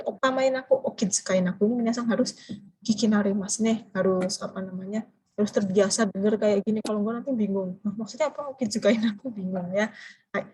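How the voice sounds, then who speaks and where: A woman teaching a language class, explaining phrases and quizzing her students with drawn-out prompting questions. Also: medium pitch, darkish tone, breathy edge, poor audio. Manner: switches between explaining and drilling phrases. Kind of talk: interactive classroom lecture.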